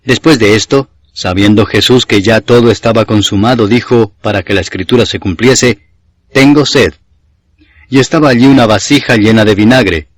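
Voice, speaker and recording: A man reads scripture aloud at a steady, solemn pace. His voice sits low and sounds dry and close, with no room sound around it. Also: no echo. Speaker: Bible reader.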